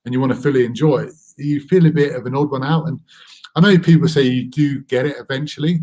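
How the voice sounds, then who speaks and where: A man's voice: mid-range voice, quick pace, mellow. A man in his thirties, a rugby player, talking casually and easygoing on a video call. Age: 30s. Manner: easygoing, hedging. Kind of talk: casual watchalong chat.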